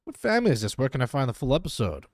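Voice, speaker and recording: A man's voice: mid-range voice, very animated, very fast, no room sound, studio quality. A young man streaming himself reacting to videos, giving blunt, joking, sarcastic asides in casual chat.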